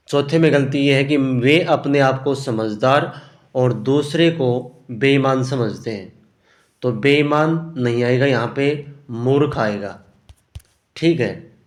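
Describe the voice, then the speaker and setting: A man's voice: medium pitch, slow pace. A man teaching Hindi grammar for an exam, working through answer options and often checking "ठीक है ना". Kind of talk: exam prep lesson. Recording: roomy echo.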